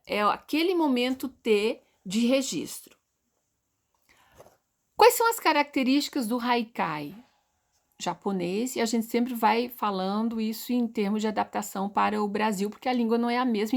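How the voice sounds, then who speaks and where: A woman with a Brazilian Portuguese accent and a fairly high voice explains poetry to her viewers. She poses questions and answers them herself, and she breaks example words down slowly. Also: gravelly. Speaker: poetry teacher.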